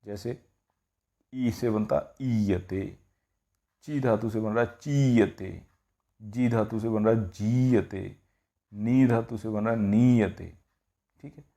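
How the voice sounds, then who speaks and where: A man's voice: on the low side, slow, vocal fry, long pauses, mellow. A man teaching Sanskrit grammar, explaining rules step by step and often asking the class rhetorical questions. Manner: explanatory, repeats "ठीक है" and asks rhetorical questions. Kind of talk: classroom-style grammar lesson.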